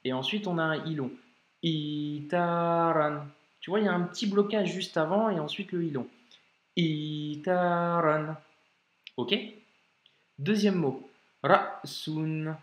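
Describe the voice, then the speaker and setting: A man teaching a video lesson in a patient, informal way, talking straight to the learner and drawing out example words slowly. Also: sits high, animated. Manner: slow, drawn-out modeling of example words. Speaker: Arabic reading teacher. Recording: echoey room.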